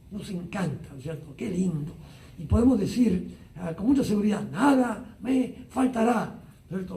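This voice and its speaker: High-voiced preacher in a roomy echo. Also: male voice, dark tone, far from the mic. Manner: unhurried, many "ah" fillers and tag questions. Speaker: pastor. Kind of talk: Bible study teaching. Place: church Bible study streamed live online.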